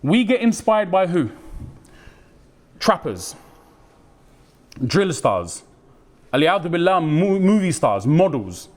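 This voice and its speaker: Lively British man preaching. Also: a little high, slow, pauses often. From United Kingdom. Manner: lively, slangy, acts out quoted voices. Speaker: Islamic preacher. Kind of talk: religious talk.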